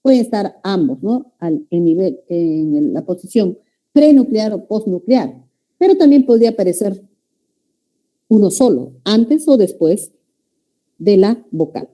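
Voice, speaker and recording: Peruvian woman teacher, dark mellow tone, explains step by step and checks in with the class. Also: medium pitch, expressive, measured pace. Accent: Peruvian Spanish. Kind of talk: university-prep lecture.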